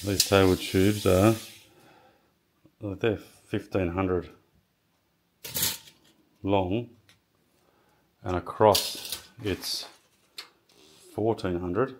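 A man casually walking through his workshop build, halting often with ums and restarts as he measures and explains. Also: low voice, steady tone, slight background noise. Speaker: home builder showing his project. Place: home garage workshop.

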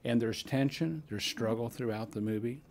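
A man's voice: mid-range voice, moderate pace, a little mellow, slight background noise. An older man, a film co-producer, earnestly explaining in a convention interview into a handheld mic. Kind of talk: interview answer. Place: convention room before a poster wall. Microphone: handheld mic held by the interviewer.

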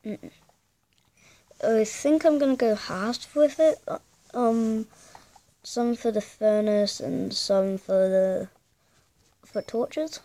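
A woman's voice: a little high, takes it slowly, long pauses, dark tone. A young woman casually commentating her gameplay, thinking aloud hesitantly and humming to herself. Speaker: gamer.

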